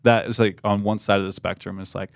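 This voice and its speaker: Low-voiced man hosting a faith chat. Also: flat delivery, fairly quick, gravelly, no room sound. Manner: reflective, emphatic, quotes imagined speech. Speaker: podcast host. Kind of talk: casual faith discussion.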